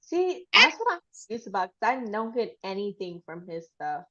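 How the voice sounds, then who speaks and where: A woman's voice: medium pitch, big pitch swings, normal speed, bright, forceful tone. A woman with a mid-range voice chats casually as a podcast co-host. The audio is somewhat dull and lo-fi. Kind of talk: casual chat.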